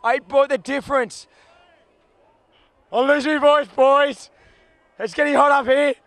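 A man calling a football match live, rattling off players in clipped bursts and shouting at big moments. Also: very high-pitched, fairly even intonation, unhurried, no echo. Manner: clipped bursts of names and actions. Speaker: football commentator. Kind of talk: live play-by-play commentary. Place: commentary box at an outdoor ground.

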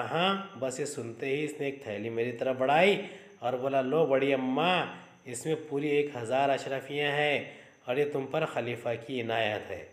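A man's voice: mid-range voice, lightly acted. Brief: fretful old mother, anxious and tender, scolding her son in an echoey room; a man reads her part. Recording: roomy echo.

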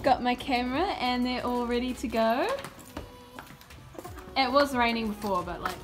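Over music, a New Zealand teen girl talks casually into her phone at arm's length, giggly and informal, going from rooms at home to the stable and paddock. Her voice is fairly high, her tone steady, her speed normal.

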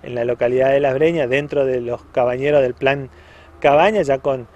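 A man's voice: mid-range voice, moderate pace, a little mellow, lo-fi sound. A man in his forties with an Argentine accent, speaking as an official in a semi-formal news interview outdoors into a handheld microphone. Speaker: provincial livestock official being interviewed. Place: outdoors in a grassy parking area at a cattle auction ground. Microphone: handheld reporter's microphone at chest height.

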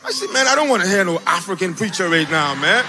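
A man raised in the Bahamas giving a spoken testimony on a large auditorium stage into a handheld mic, animated and breaking into shouts when excited. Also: sits high, fast talker, noisy background. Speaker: testimony speaker at a church event. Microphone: handheld mic held by another man.

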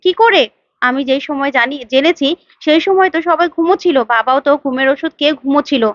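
A woman's voice: high-pitched, fast talker, no echo, lo-fi sound, lightly acted. A woman reading the lines of a determined, level-headed young heroine in a retold TV serial. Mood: earnest. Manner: earnest, explaining.

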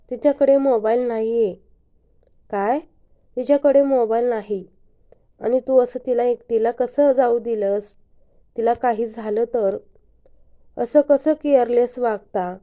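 A woman reading the part of a worried, caring young man in an audio story, speaking earnestly and softly. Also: on the high side, slow pace, pauses often. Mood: alarmed.

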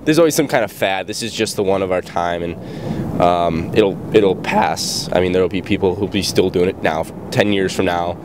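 A man's voice: deep voice, normal speed. A young man answering a street interview outdoors at night, rambling and offhand with frequent restarts. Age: young adult. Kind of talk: casual vox pop answers. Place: outdoors at night by a brick wall. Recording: street noise behind.

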